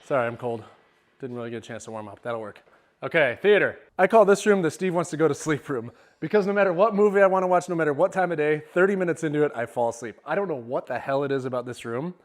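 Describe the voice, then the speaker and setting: A fast-talking middle-aged man with a fairly high voice leads a casual vlog tour of his sizable house, wandering indoors from room to room. He rambles and jokes about himself, now and then sounding winded.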